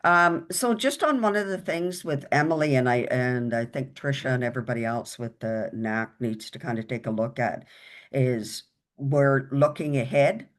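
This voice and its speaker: A woman's voice: rumbling low, moderate pace. A woman speaking earnestly as a panelist on a webinar video call, laying out plans step by step.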